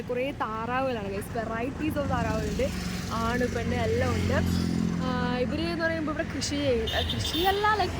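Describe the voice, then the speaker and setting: A woman with a northern Kerala Malayali accent doing a casual, enthusiastic travel vlog outdoors, mixing English words into her Malayalam and addressing her viewers. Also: high-pitched. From Wayanad, Kerala, India. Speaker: travel vlogger. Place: outdoors by backwaters, paddy fields and on a canoe. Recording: noisy outdoor recording with ambient sound.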